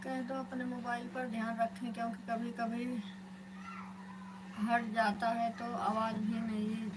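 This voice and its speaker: A woman hosts a live stream and chats with her viewers, calling them elder sister. Her voice sits fairly high and she talks slowly. The phone recording carries clear background noise. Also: completely flat delivery.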